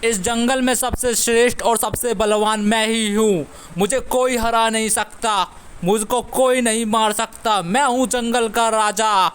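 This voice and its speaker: A man's voice: very high voice, fairly even intonation, a little slow, fairly bright tone, clean tone. A man voicing a boastful, cruel bull elephant in a cartoon who threatens and laughs mockingly. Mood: gloating. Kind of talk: cartoon voice acting.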